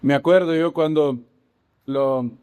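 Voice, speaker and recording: A man preaching a sermon in a church, telling a story with animated jumps up in pitch for emphasis. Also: slow, clear, resonant tone, no echo.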